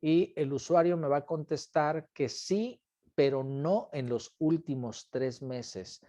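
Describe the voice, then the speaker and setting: Patient male instructor, mellow voice. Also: fairly high pitch, takes it slowly, no room sound. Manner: patient, repeats questions and calls on students by name. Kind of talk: online class lesson.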